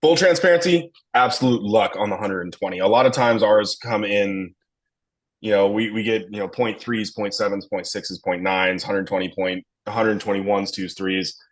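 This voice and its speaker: A man's voice: lowish voice, moderate pace. A young man, a distillery blender talking through a tasting in a rambling, enthusiastic way. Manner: rambling, enthusiastic, lots of fillers. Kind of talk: casual tasting talk.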